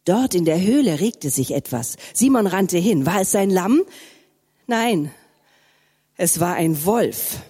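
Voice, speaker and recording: A woman reads a children's story aloud in a church service, slow and with a lively, rising and falling voice. Her mellow tone carries a long church reverb. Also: medium pitch, slightly rough. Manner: slow, expressive reading.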